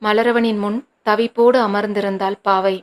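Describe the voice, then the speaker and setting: Woman reading a novel in a flat voice. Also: mid-range voice, normal speed. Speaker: audiobook narrator.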